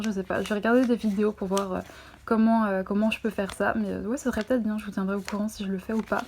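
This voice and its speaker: Chatty French woman, mellow voice. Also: a little high, slight background noise. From France. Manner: chatty and enthusiastic, many fillers. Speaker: vlogger unboxing a diamond painting kit. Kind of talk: casual unboxing chat to camera. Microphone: phone camera.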